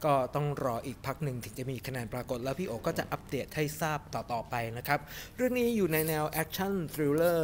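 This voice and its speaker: A man's voice: mid-range voice, a little hiss or hum. Chatty middle-aged man reviewing a film. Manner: chatty and animated, refers to himself by nickname, many fillers. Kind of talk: casual movie review to camera. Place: cinema lobby in front of a movie poster, indoors.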